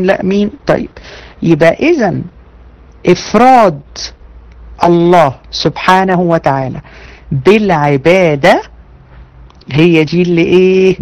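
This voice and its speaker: Animated Egyptian woman teaching religion. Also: lowish voice, poor audio. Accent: Egyptian Arabic. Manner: animated, conversational, rhetorical questions to the class. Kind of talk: online lecture to women students.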